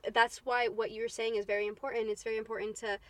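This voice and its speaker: A woman's voice: on the high side, level tone, quick pace, a bit bright, no echo. A young woman co-hosting a casual podcast chat, asking follow-up questions and adding her own side. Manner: chatty, asks follow-up questions.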